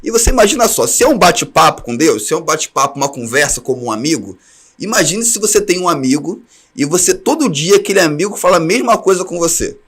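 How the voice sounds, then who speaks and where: Brisk higher-voiced Brazilian man teaching. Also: big pitch swings, fairly bright tone, slightly rough. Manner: earnest advice, speaks straight to listeners. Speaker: teacher trainer. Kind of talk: online class talk.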